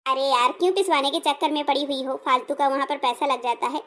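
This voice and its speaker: A woman's voice: sits high, steady tone, quick pace, a bit bright. A woman voicing a teasing older cartoon neighbour. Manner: teasing, scolding.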